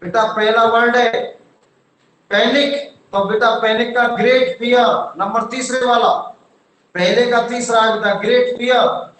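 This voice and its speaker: A male teacher talks very slowly in a strikingly high voice. He spells each word out letter by letter, patiently, like he's dictating to a class. The sound echoes as if he's in a bare room. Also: steady tone, a bit bright. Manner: slow, spells words letter by letter, calls students "beta". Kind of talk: online class lesson.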